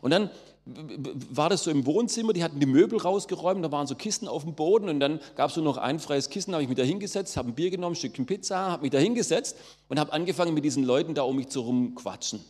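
A man's voice: a little high, expressive, fast talker, a little mellow, husky. A middle-aged man from southwest Germany giving a personal testimony, storytelling with fillers and acting out quoted voices. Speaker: testimony speaker. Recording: long hall reverb.

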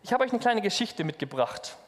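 A man preaching a sermon, lively and speaking directly to the congregation. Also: sits high, brisk. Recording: long hall reverb.

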